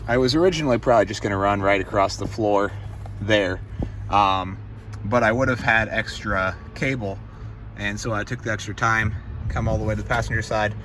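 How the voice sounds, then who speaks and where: Working in and around a parked truck outdoors, a man who vlogs about off-road vehicles casually walks viewers through an install, thinking aloud as he chats. His voice is fairly low, and wind and outdoor vehicle noise fill the background.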